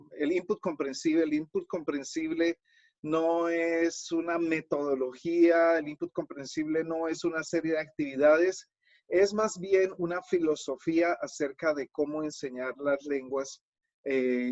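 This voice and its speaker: Slow-spoken man hosting a webinar. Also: fairly high pitch, darkish tone. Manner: patient, explanatory, speaks directly to viewers. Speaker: webinar host and Spanish teacher. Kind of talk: live online webinar presentation. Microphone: video call. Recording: dull lo-fi video-call audio.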